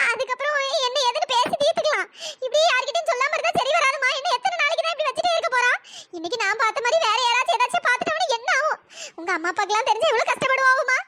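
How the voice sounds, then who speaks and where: A voice actor playing a caring, worried old grandmother in a cartoon story, with a pitch-raised processed voice. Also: pushed and bright. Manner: soothing, worried, coaxing.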